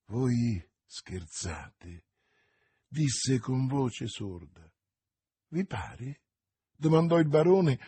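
A man reading a classic novel aloud as an audiobook, measured and theatrical. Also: mid-range voice, a little mellow, breathy edge, dry recording. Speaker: audiobook narrator.

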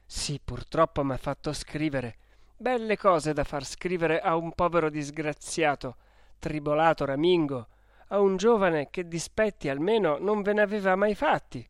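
A man's voice: fairly high pitch, unhurried, clean tone, no room sound, clean studio sound, lightly acted. A man reading an audiobook who voices a passionate, desperate young man pressing his beloved with questions. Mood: passionate reproach. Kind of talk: audiobook character voice.

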